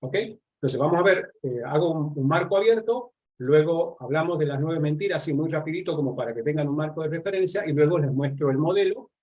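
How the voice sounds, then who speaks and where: Argentine guy teaching an online class, bit high pitched, keeps checking everyone's following along. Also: fairly quick, hardly any pauses, darkish tone, lo-fi sound. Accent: Argentine Spanish. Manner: checks in constantly with the audience, conversational and explanatory. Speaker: lecturer on nonverbal communication. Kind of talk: live online class lecture.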